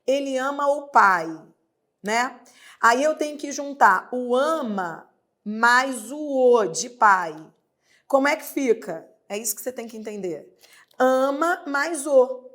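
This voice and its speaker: A woman's voice: fairly high pitch, lively intonation, unhurried, fairly bright tone. A woman with a Brazilian Portuguese accent teaching grammar in an online exam-prep lesson, stretching out her examples and asking rhetorical questions.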